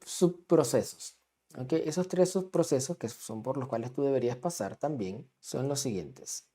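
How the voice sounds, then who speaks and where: A man teaching music with a dark, mellow voice. He explains things patiently and keeps checking that his students follow along. He sketches on a diagram as he talks. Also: a little high. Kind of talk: explanatory lesson, drawing on a diagram.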